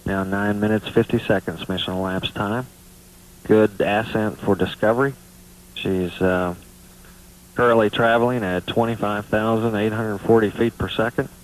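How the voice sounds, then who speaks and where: A man giving live space mission commentary in a measured, matter-of-fact, technical way. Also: on the low side, steady tone, poor audio. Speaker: NASA public affairs launch commentator.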